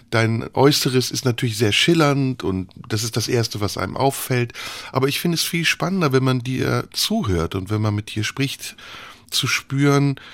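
A man's voice: medium pitch, vocal fry, dry recording. A man hosting a radio interview, asking probing, thoughtful questions. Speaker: radio host. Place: radio studio. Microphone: studio microphone.

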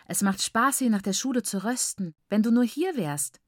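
A woman's voice: fairly high pitch, lively intonation, moderate pace, dry recording, clean studio sound, voice pushed up, natural voice. A woman reading the part of a young village girl, earnest and wistful.

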